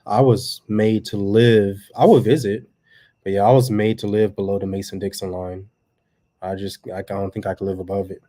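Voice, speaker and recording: A Texan man in his thirties co-hosts a home livestream, chatting casually and reading viewer comments. He is relaxed and rambling, using many fillers, and speaks at a moderate pace with a fairly low pitch.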